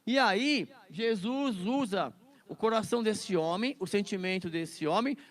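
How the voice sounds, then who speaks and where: A man's voice: sits high, animated, measured pace. A man teaching a Bible study lesson in a chatty way, laughing often and repeating words.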